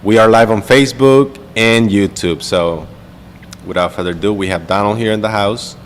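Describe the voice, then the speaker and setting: A man co-hosting a casual podcast, upbeat and quick to laugh, plugging the channels. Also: fairly low pitch. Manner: laughs easily, upbeat announcer-style plugs. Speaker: podcast co-host. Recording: reverberant room, faint background hum.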